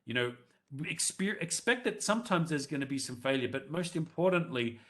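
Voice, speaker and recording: A man's voice: on the high side, animated, a little fast, fairly bright tone. A man presenting a live webinar over a headset mic, talking to the audience in a conversational way and running live polls.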